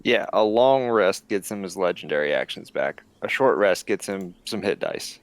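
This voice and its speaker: Smooth, low-voiced male player. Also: lively intonation, normal speed. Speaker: tabletop game player. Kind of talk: casual chat.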